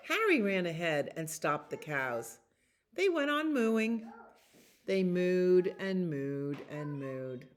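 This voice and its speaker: There's a little hiss or hum in the recording of a low-voiced librarian reading a storybook at storytime. Her delivery is expressive and deliberate, with repeated words drawn out.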